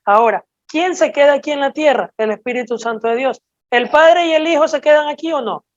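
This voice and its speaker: A woman preaching a sermon, teaching slowly and emphatically and checking in with her listeners as she explains scripture. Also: high voice, no echo, highs cut off.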